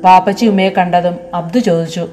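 A woman narrating a story in a calm, expressive reading voice. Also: lowish voice, a little fast. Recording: soft background music.

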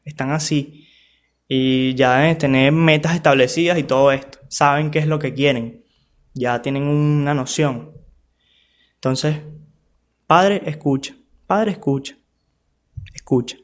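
A man's voice: medium pitch, fairly even intonation, unhurried. A man giving casual advice to parents and teens, frank and loose, with slang and swearing, often checking that the listener follows. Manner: talks straight to the listener, asking for agreement.

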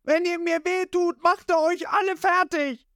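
A woman voicing a boastful, cowardly teenage boy pirate who talks in a shrill, whiny bluster. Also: fairly even intonation, measured pace, a bit bright, dry recording, clean studio sound. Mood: panicky.

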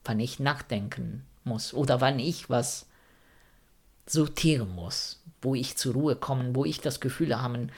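An interviewee from Rome, Italy, answers questions in German with an Italian accent, reflecting carefully and searching for the right words despite non-native grammar. His medium-pitched voice has a breathy edge and a slightly slow pace.

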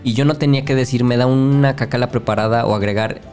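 A man's voice: medium pitch, steady tone, fast talker, a little mellow, faint music behind. A young man from Veracruz co-hosting a casual podcast chat, bantering with slang and jokes. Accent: Mexican, Veracruz. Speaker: podcast co-host.

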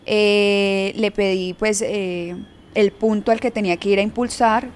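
A woman's voice: mid-range voice, steady tone, a little slow, slight background noise. A young woman telling a personal story frankly, laughing often as an interview guest. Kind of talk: candid storytelling in conversation.

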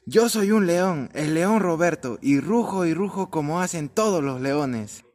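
A small lion cub with a high, youthful voice, played by a man, insisting on himself with stubborn indignation. Storybook audio drama for children. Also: animated, unhurried, noisy background. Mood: defiant.

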